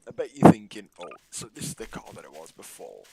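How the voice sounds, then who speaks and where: A man's voice: sits low, very animated, a little fast, gravelly, heavy background noise. A man giving casual, sarcastic, mock-boastful commentary over his own gameplay. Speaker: gaming YouTuber.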